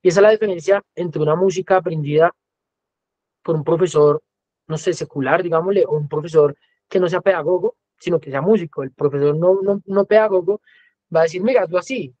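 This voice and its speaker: A Colombian-accented man, a music teacher and guest speaker, gives a conversational educational lecture, often acting out the voices he quotes. His voice is a little high and a little mellow, his pace brisk. There's no echo, but the recording is muffled.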